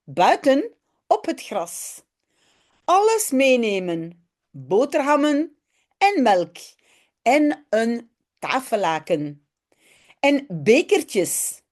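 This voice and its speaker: A woman's voice: fairly high pitch, sing-song, drawn-out words, pauses often, darkish tone, full character voice. A woman reading a patient storybook mother.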